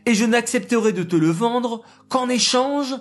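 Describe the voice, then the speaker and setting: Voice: medium pitch, unhurried, faint music behind, voice pushed up, close to an everyday voice. A storyteller voicing a poor, stubborn man who insists firmly on his price. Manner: stubborn, emphatic.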